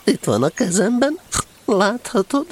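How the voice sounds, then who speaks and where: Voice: medium pitch, big pitch swings, background noise, natural voice. A performer voicing a small, timid male piglet in a children's audio drama, meek and hesitant with a nervous stammer. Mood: timid, sorrowful.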